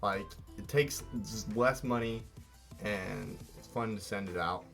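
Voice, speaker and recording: A man's voice: on the low side, measured pace, vocal fry, a bit bright, faint music behind. A man co-hosting a casual drawing tutorial, talking in a rambling, playful way and often correcting himself. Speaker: art show co-host.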